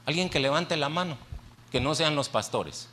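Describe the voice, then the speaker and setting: A man's voice: a little high, lively intonation, normal speed, pushed and bright, slight background noise. Male pastor preaching in church on a mic, chatty, repeats stuff for emphasis, asks the crowd questions. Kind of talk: sermon. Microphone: handheld microphone.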